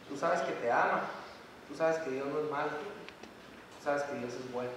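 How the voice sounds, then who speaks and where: Impassioned preacher in an echoey church hall. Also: male voice, on the high side, distant mic, noisy background. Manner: impassioned, preaching in direct address. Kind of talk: sermon.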